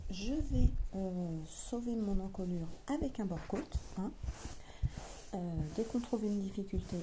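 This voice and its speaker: A woman's voice: medium pitch, warm tone, slight background noise. A woman with a French accent chatting casually to camera about her sewing, thinking aloud with many hesitations. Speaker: sewing vlogger.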